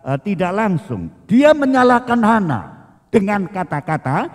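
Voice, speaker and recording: A man's voice: high voice, sing-song, measured pace, long reverb tail. A man preaching a sermon at a church service, punctuating his phrases with "ya" and stretching words for emphasis. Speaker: pastor.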